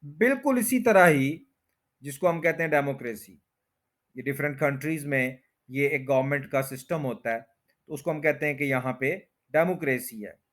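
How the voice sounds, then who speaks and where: A man teaching English word stress in a slow explanatory lesson, repeating each word and stretching its syllables. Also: on the high side. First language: Urdu or Hindi.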